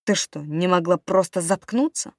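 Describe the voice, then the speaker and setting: A woman voicing an abusive young husband who shouts with contempt, in a dry audiobook reading. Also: on the low side, normal speed, no echo, close to an everyday voice. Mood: furious.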